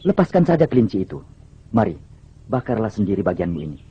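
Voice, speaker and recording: A man's voice: lowish voice, huge pitch swings, quick pace, vocal fry, warm tone, husky, highs cut off, heavily acted. A man playing a composed, coaxing young warrior and elder brother in an old radio drama, theatrical in delivery. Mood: teasing. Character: calm, teasing elder-brother warrior, twenties.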